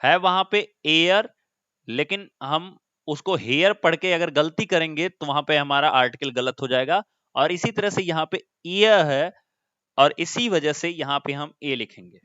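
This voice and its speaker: A man's voice: fairly high pitch, a little slow, bright, forceful tone, no echo, dull audio. A man teaching an online class, explaining step by step and often putting questions to his students.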